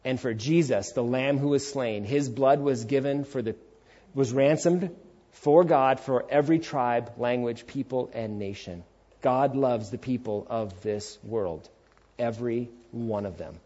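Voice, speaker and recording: Unhurried and mellow, a mid-range male voice in his forties preaches a sermon, with the highs cut off. It's an emphatic, informal talk peppered with rhetorical questions, acted-out quotes and casual asides.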